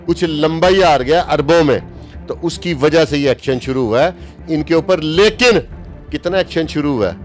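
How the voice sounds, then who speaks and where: Brief: emphatic Pakistani journalist, fifties, faint music behind. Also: male voice, fairly high pitch, lively intonation. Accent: Pakistani Urdu. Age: 50s. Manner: emphatic, opinionated, slows down to stress points. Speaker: journalist guest. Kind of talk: interview talk.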